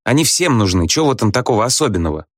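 A bitter young wife scolds in shrill, reproachful bursts, voiced by a male reader. Her pitch sits well above the reader's deep natural voice. The sound is close and dry, with no room around it. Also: animated, no room sound, natural voice. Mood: scolding. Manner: scolding, reproachful, quick outbursts.

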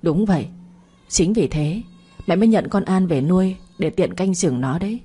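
A woman's voice: on the low side, normal speed, breathy edge, faint music behind. A woman voicing a scheming, cruel middle-aged mother with a conniving way of talking. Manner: coaxing then sharp, conniving.

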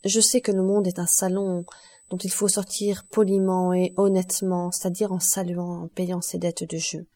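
A woman voicing a grave, fatalistic nobleman count who speaks calmly and with resignation, in an audiobook. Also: lowish voice, lightly acted. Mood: resigned. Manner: calm, measured, resigned.

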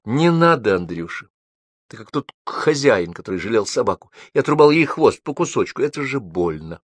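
A man's voice: medium pitch, big pitch swings, moderate pace, husky, no echo, voice pushed up. A man doing a pleading young woman. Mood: tender. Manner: pleading, agitated. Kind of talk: audiobook reading.

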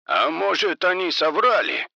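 A man's voice: a little high, very animated, a little slow, creaky, bright, forceful tone, slightly rough, no echo, lo-fi sound, pitched above the performer's own voice, exaggerated voice. A man voicing an angry drug boss who speaks harshly and menacingly.

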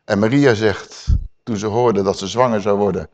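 A man preaching a Bible teaching sermon, talking to his listeners in a conversational way, asking them questions and slowing down to read verses aloud. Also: on the low side, fairly even intonation, darkish tone, dull audio.

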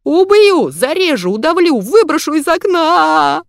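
A woman's voice: mid-range voice, lively intonation, measured pace, darkish tone, no echo, studio quality, voice pushed up, natural voice. A woman reader voicing a young woman with an explosive temper, in an audiobook. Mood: raging. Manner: shrieking, hysterical outbursts. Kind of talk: audiobook reading.

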